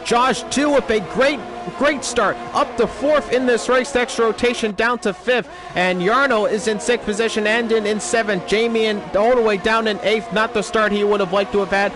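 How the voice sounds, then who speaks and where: A man commentating on a race as a motorsport commentator, giving excited, dramatic live play-by-play. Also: sits high, normal speed. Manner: dramatic, emphatic calls. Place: esports race broadcast commentary.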